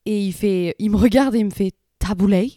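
A young woman chatting casually with a friend, telling lively slangy stories about her coworkers. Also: mid-range voice, fast talker, no echo, clean studio sound. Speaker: office worker. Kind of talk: casual chat between friends.

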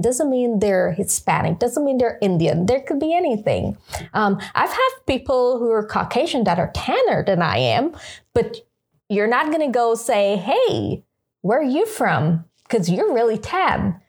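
During a panel discussion, a woman with a slightly rough voice on the high side shares her opinions conversationally. She is emphatic and acts out imagined exchanges as she talks.

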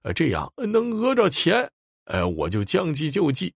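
A man voicing a grieving, frightened village husband who speaks in a halting wail. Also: fairly high pitch, huge pitch swings, vocal fry, husky, dry recording, clean studio sound, pitched above the performer's own voice, exaggerated voice. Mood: nervous confession.

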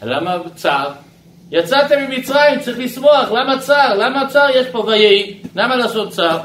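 A man teaching a Torah lesson as a rabbi, animated and asking his listeners questions. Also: high-pitched, roomy sound, slight background noise, rough recording.

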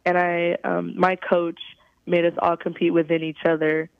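A young woman from California, a college softball player, giving halting, thoughtful interview answers over a phone call. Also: on the low side, level tone, creaky, smooth, no echo. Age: young adult. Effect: heard over a phone call. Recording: tinny, dry phone line.

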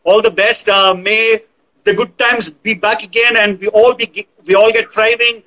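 A man's voice: sits high, fairly even intonation, normal speed, pushed and bright, poor audio. A man with an Indian accent casually hosting an online talk show, effusive and fond of repeating words for emphasis.

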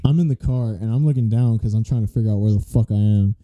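A man's voice: on the low side, fast talker, warm tone, dull audio. A young man co-hosting a podcast, telling a long rambling story in casual chat. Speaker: podcast co-host.

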